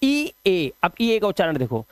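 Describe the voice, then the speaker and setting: A man teaching pronunciation rules as a lesson. He drills words slowly, asks the students questions and answers them himself, with homely teasing asides. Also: sits high, animated, no echo. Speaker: English teacher.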